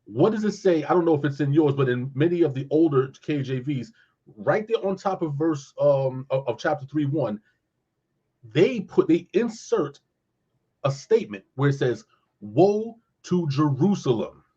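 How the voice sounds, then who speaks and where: A man with a husky, slightly breathy voice talks scripture in an animated, casual way, often stopping on fillers as he gathers his thoughts. The recording sounds dull and lo-fi. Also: a little high, normal speed. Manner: animated, searching for words with many fillers. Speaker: co-host discussing scripture. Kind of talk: casual discussion.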